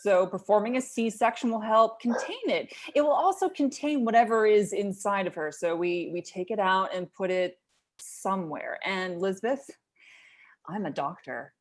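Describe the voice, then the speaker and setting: A woman's voice: mid-range voice, animated, normal speed, close to an everyday voice. Woman doing a dry sarcastic doctor lady, voice all over the place. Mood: cold. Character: blunt, sarcastic woman doctor holding a knife. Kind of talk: audio drama acting.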